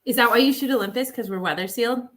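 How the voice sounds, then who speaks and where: A woman's voice: fairly high pitch, fast talker. A woman hosting a live online photography show, chatting casually with many fillers on a makeshift microphone. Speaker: livestream host.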